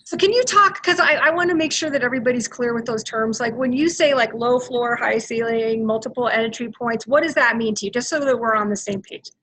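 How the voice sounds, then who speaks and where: Fast, bright upbeat woman workshop leader. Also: fairly high pitch, slightly rough, low-quality recording. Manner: upbeat, chatty, lots of fillers like "so" and "like". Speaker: math professional learning facilitator. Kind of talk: leading an online teacher workshop. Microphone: video call.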